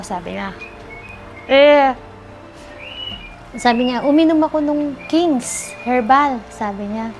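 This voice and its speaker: A woman with a slightly high voice tells her story in an earnest, soft-spoken way, speaking politely to an interviewer. Clear music plays beneath her words throughout. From Philippines. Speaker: interviewee, cancer survivor. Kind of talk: emotional testimonial interview. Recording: music bed underneath.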